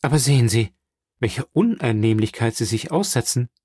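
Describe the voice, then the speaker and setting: A man voicing a proud, sharp-tongued middle-aged baroness in an audiobook, brisk and haughty. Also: medium pitch, expressive, breathy edge, no echo, clean studio sound. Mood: reproachful.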